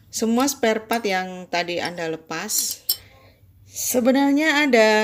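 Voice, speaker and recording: A woman explaining sewing machine upkeep step by step, slow and instructive, addressing the viewer formally. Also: mid-range voice. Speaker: sewing tutorial host. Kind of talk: step-by-step tutorial narration.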